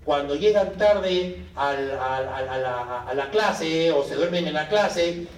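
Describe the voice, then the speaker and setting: A man lecturing a medical class, lively, asking the students questions and answering them himself. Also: a little high, slow pace. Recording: echoey room from a distance.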